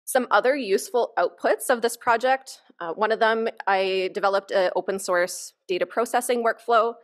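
A woman's voice: medium pitch, normal speed. A woman researcher giving a conference keynote from a lectern, explaining her work in an enthusiastic, informal way. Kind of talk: conference presentation. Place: conference hall stage, at a lectern.

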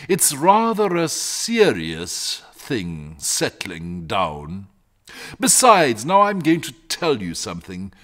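A man voicing a lazy, genial, talkative male dragon who rambles in fussy, old-fashioned gentlemanly phrases in a storybook reading. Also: mid-range voice, huge pitch swings, slow, voice pushed up, exaggerated voice. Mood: chatty.

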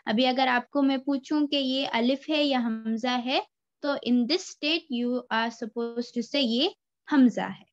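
Slow, patient woman teaching Quran reading. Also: fairly high pitch, dry recording. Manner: mixes Hindi-Urdu with English phrases; recites letter sounds slowly for repetition. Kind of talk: slow step-by-step lesson. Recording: dry, dull lo-fi recording.

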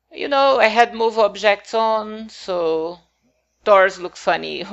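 A woman with a fairly low voice and vocal fry talks casually over her game build, and the recording has the highs cut off. English isn't her first language, and she's hesitant and rambling, using many fillers.

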